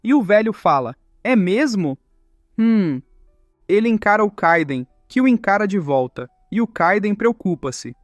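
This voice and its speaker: A man narrating a manhwa recap in a brisk, matter-of-fact retelling. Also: sits high, expressive, no echo, studio quality, faint music behind.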